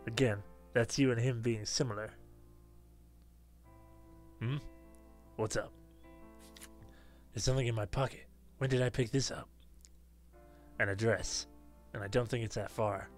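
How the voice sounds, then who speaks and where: A man's voice: mid-range voice, steady tone, measured pace, long pauses, faint music behind. Gamer, man: casual playthrough commentary, reads game text aloud, easygoing.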